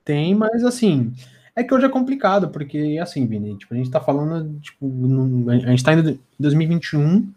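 A man's voice: fairly high pitch, expressive, moderate pace, warm tone. A man with a Brazilian accent chatting casually as a podcast guest, with a tongue-tied lisp that slurs his s and a stammer that repeats words and syllables.

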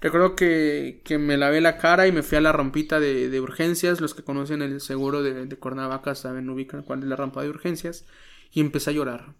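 A man, a pastor telling an emotional personal testimony in an interview, earnest and halting, often dropping to a hush. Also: on the high side, fairly even intonation, creaky, clean tone. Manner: earnest, halting, many restarts, drops to a soft voice when quoting prayers.

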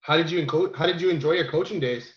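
A man's voice: on the high side, fast talker. A man hosting a podcast and asking a guest questions, stumbling over his openings. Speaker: podcast host. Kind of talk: casual interview questions. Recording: dull, echoey room sound.

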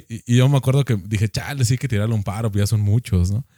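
A young man with a Mexican accent telling a profane, animated anecdote in casual chat. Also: on the low side, fast talker, dry recording, studio quality. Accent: Mexican Spanish.

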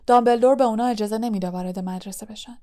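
Woman voicing a middle-aged male teacher, weary, kind, earnest, calm, audiobook reading. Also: a little high, natural voice. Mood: grave. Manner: calm, earnest, comforting explanation.

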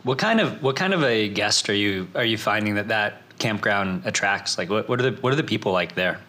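A man's voice: lowish voice, lively intonation, a little fast, pushed and bright, slight background noise. A man hosting a podcast interview in casual, effusive, informal chat.

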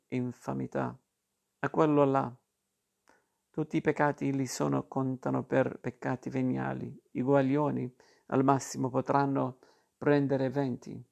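A man's voice: medium pitch, gravelly, a little mellow. A man reading aloud, voicing a superstitious woman who explains her beliefs with great seriousness. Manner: grave, insistent reasoning. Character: earnest superstitious woman of the household.

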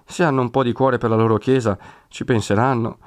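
A man's voice: mid-range voice, fairly even intonation, fairly quick, no echo, clean studio sound, natural voice. A man voicing a timid, anxious old village priest who frets and grumbles. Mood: grumbling.

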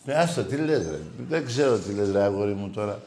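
A man hosting a call-in radio show, blunt and crude, going from low grumbling to loud mocking rants. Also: expressive, noisy background.

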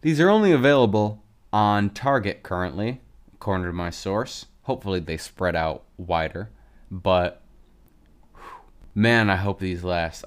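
A man's voice: low-pitched, smooth. A man hosting a casual solo podcast, speaking with a lisp in a chatty, enthusiastic way. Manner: chatty and enthusiastic about snack foods. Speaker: podcast host.

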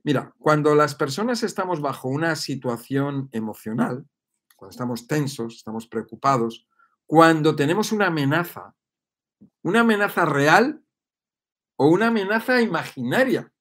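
A man speaks in a fairly high voice. He delivers a motivational monologue with emphatic repetition and keeps checking in with "¿ves?" and "¿vale?". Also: animated, moderate pace, a bit bright. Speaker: speaker on personal growth.

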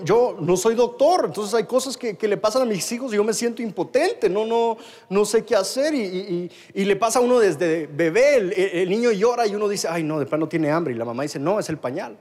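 A man's voice: high-pitched, darkish tone. A man in his thirties with a Guatemalan accent, preaching a story-driven sermon to a live congregation and the online audience, often repeating and restarting words. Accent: Guatemalan Spanish. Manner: storytelling, with many repetitions and restarts.

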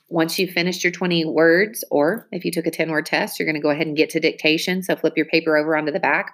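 A woman teacher giving a spelling test, reading each word clearly and using it in an example sentence. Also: deep voice. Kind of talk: spelling dictation lesson.

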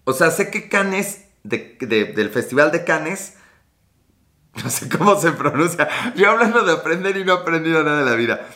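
Bright-voiced Mexican man chatting. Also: fairly high pitch, very animated, moderate pace. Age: late 30s. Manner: rambling, scattered, swears often. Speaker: livestream host. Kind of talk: casual live chat reading comments.

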